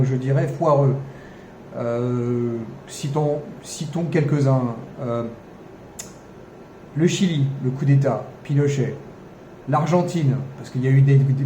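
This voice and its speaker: Speaking in a mellow voice of medium pitch, a male podcast host delivers unscripted commentary, full of "um"-style fillers, false starts and sardonic asides. Faint noise hums under an echoey room sound.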